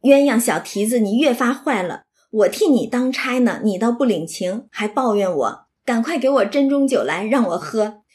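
A sharp-tongued young lady of a great household, quick to tease and quick to order people about, as a woman narrator reads her lines. Her voice sits a little high, and the banter comes across as bossy and playful. It sounds like a storybook read aloud. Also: animated, lightly acted. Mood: teasing.

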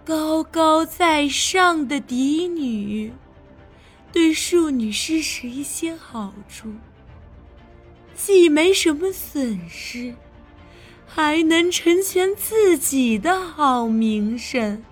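A woman's voice: sits high, animated, soft background music, voice pushed up, exaggerated voice. A woman voicing a scheming, vengeful young noblewoman in an audiobook, sneering and drawing out her words. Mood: cold scorn. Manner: sneering, slow and drawn out. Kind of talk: audiobook character voice.

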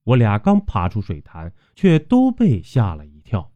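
Guy reading a creepy adventure audiobook, super animated up-and-down delivery, mellow dark tone. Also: a little slow, no echo. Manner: suspenseful storytelling with wide pitch swings. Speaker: audiobook narrator. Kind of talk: dramatic audiobook narration. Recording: dull lo-fi audio, dry.

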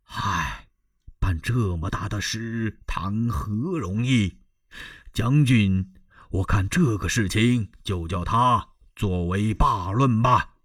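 A man's voice: on the low side, slightly rough, no room sound, clean studio sound, exaggerated voice. A man doing a wily old court minister. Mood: solemn. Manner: slow, hushed and persuasive. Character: cautious scheming elderly male court minister. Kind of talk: traditional Chinese storytelling.

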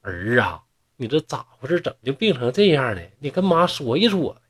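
A man's voice: mid-range voice, big pitch swings, brisk, husky. A man with a Northeastern accent voicing a fretful middle-aged mother who coaxes and pleads in a storybook tale. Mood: pleading. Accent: Northeastern Mandarin.

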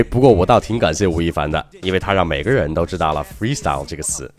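Lively low-voiced man teaching English pronunciation. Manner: lively, slow careful demonstration of words. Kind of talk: podcast pronunciation lesson.

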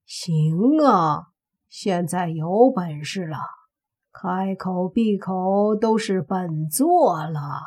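A woman's voice: lowish voice, expressive, drawn-out words, darkish tone, breathy edge, heavily acted. Woman doing a bantering male zombie sidekick. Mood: rueful. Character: male zombie companion, joking and self-pitying.

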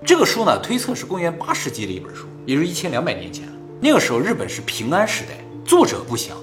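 A man hosting and telling old tales in a casual fireside storytelling manner, pausing for explanatory asides. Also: on the high side, huge pitch swings, music in the background. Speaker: host and storyteller.

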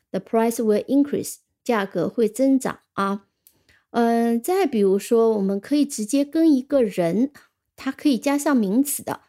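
A woman with a mellow, fairly high voice gives an English vocabulary lesson on the radio. She reads each example sentence slowly and with care, then explains it casually, often ending phrases with a soft "ah". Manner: ends phrases with the filler "啊".

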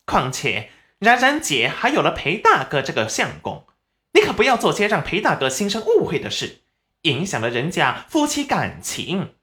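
A narrator voicing a sharp-tongued young village girl scolding someone, high and quick, in an audiobook. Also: huge pitch swings.

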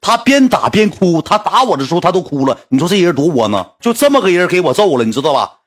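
Husky, lively Northeastern Chinese man storyteller. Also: fast. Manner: animated, voice jumps high when excited. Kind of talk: casual storytelling of school memories.

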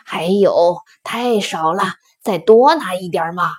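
A woman voicing a kindly old male stone lion who laughs heartily and speaks slowly. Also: lowish voice, breathy edge, voice pushed down. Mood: jovial.

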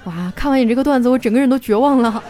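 A woman's voice: on the high side, racing, mellow, soft background music, some chatter behind. A young woman hosts a casual show, reading listener jokes aloud and laughing through her lines. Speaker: radio-style host reading listener jokes.

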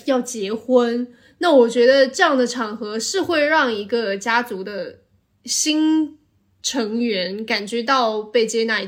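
Female co-host, somewhat high pitch, casual and reflective, analytical explainer who talks at length. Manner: analytical, explains at length with occasional English filler. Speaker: podcast co-host.

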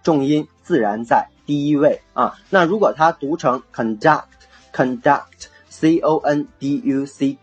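Husky-voiced man teaching English vocabulary. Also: mid-range voice. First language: Chinese. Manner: chatty and jokey, spells words letter by letter. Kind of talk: casual radio-style vocabulary lesson.

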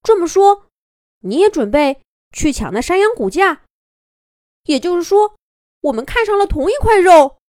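A woman doing an eager, excited male wolf king in a storybook. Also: high voice, a little slow, long pauses, no echo, studio quality. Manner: excited, warm and loud.

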